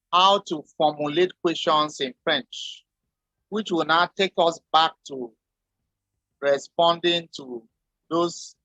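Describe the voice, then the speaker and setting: A man teaching a French lesson, explaining slowly and deliberately with spoken examples. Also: a little high, bright, forceful tone, no room sound. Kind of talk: lecture.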